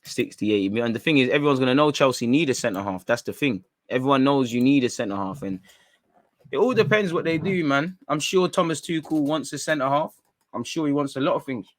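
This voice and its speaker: A young man, hosting a football talk stream in a rambling, slangy, excitable way. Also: medium pitch, fairly quick, no echo. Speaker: football channel host. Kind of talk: casual livestream chat.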